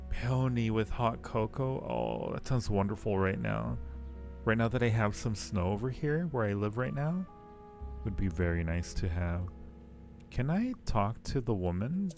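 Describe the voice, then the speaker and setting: Very animated, the man speaks at normal speed in a low, darkish voice. During a game live stream he reads the text aloud and chats casually with viewers, musing as he goes, while music plays in the background.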